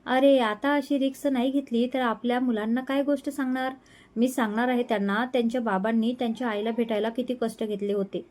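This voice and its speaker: A man's voice: very high-pitched, steady tone, a little fast, darkish tone. A woman voicing a playful, daring young man who teases and coaxes his fiancée in a spoken love story. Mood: teasing. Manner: teasing, coaxing.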